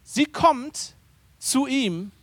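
A man's voice: very high-pitched, very slow, dry recording. A man preaching a sermon as pastor, speaking conversationally and emphatically, often turning to the congregation with questions. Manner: animated, emphatic delivery.

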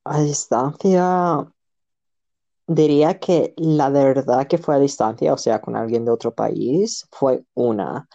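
A man's voice: medium pitch, takes it slowly, vocal fry, warm tone, highs cut off. A man who is a podcast guest, talking in a laid-back, joking way in a casual interview.

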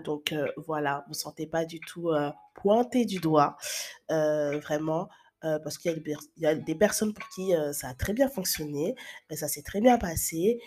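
A woman's voice: low voice, dark tone, husky. A woman in her thirties giving casual, chatty advice to young viewers, with frequent fillers and restarts. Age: 30s. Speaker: advice vlogger.

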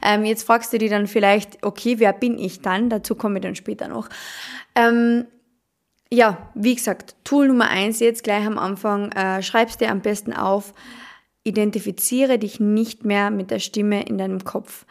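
A woman's voice: medium pitch, steady tone, a little slow. A woman hosting a self-help podcast, talking casually with many fillers and repeated words for emphasis. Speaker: podcast host.

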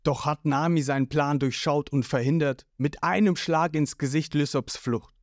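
A woman narrating an audio manga in a lively storytelling manner. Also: deep voice, normal speed, dry recording, clean studio sound.

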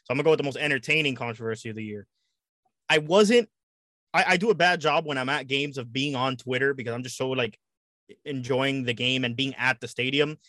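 A man's voice: medium pitch, brisk, pushed and bright, no echo. A man from the United States chatting casually as a podcast guest, rambling and stumbling over his words. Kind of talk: casual chat.

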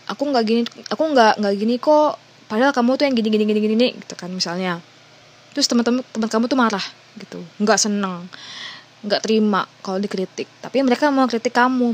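A woman talking casually and directly to the listener, going through a list of points and reading some of them out. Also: mid-range voice. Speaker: advice talker. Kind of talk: casual advice talk to viewers.

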